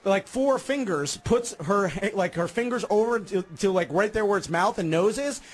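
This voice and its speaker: A man hosting a morning radio show, telling a story in an animated way, laughing often and acting out other people's voices. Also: high-pitched, normal speed.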